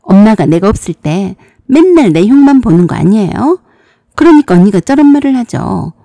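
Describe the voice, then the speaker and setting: A woman's voice: medium pitch, big pitch swings, normal speed, dark tone, no echo, clean studio sound. A woman voicing a proud, defensive younger sister in her forties in a storybook drama, with a sulky, insistent way of pleading. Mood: defiant.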